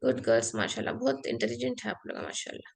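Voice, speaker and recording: Woman Arabic tutor, fairly high voice, gravelly, patient step-by-step explainer. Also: big pitch swings, quick pace. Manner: patient, explains step by step, mixes Hindi and English. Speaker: Arabic teacher. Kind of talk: online class lesson.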